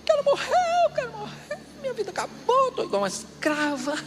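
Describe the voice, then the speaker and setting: A man's voice: wildly swooping pitch, fairly quick, a bit bright, slight background noise, full character voice. A man doing a wailing teenage girl. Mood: wailing despair. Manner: high wailing whine. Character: teenage girl sobbing dramatically, wants to die.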